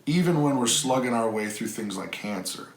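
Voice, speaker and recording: A man's voice: mid-range voice, animated, normal speed. A middle-aged man co-hosting a family vlog, talking earnestly and at length to the camera. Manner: earnest, talkative, encouraging. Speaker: homestead vlog co-host. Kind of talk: casual chat to camera. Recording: echoey room, faint hum.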